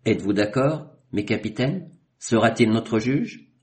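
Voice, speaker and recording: A man voicing a bold male ship captain who speaks in loud, emphatic declarations in a read-aloud story. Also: medium pitch, lively intonation, unhurried, voice pushed up, close to an everyday voice. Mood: commanding.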